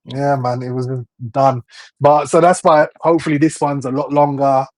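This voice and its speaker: A man's voice: medium pitch, fairly even intonation, moderate pace. A young man hosting a gaming podcast, chatting in an easygoing way with frequent chuckles. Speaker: podcast host. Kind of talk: casual chat.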